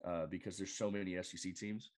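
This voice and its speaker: A man appearing as a guest on a casual sports podcast, talking in halting bursts and often restarting his sentences. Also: low voice, fairly even intonation. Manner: halting, lots of fillers and restarts.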